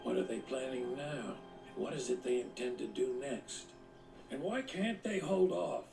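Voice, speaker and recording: An actor playing a shrewd, eccentric old military commander in an anime dub. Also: male voice, mid-range voice, unhurried, gravelly, distant mic. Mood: wry, fired up. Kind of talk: English anime dub acting. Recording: echoey playback under loud music, off-mic.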